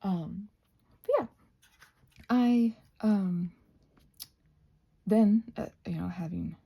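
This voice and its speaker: Very slowly, a North American woman who vlogs about crafts and ASMR muses aloud while crafting, playful and scatterbrained, her words often fading into murmurs. Her medium-pitched voice is gravelly and mellow, slightly rough.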